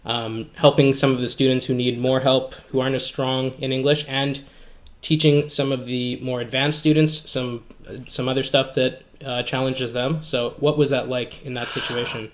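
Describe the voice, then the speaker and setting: A man interviewing casually as host, phrasing his questions in a measured way with pauses along the way. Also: mid-range voice, little pitch movement. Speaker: English teacher.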